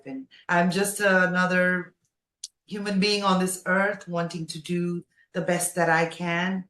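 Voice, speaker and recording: A Nepali woman, once a radio jockey, speaks effusively as a guest on a casual podcast interview. Her voice sits low with a fairly bright tone, and the room sounds echoey.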